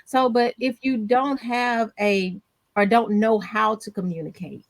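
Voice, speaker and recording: Forties nurse lady on a panel, high-ish voice, dry close sound, talks loose and folksy. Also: a little slow, no echo. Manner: colloquial, lively, folksy asides. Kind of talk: discussion panel talk.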